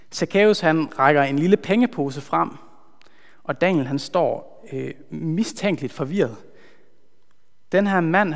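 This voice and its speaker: A man preaching a sermon in an earnest, measured way, slowing down to stress key words. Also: on the high side. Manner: earnest, measured, slows for emphasis. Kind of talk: sermon with a retold story. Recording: long hall reverb.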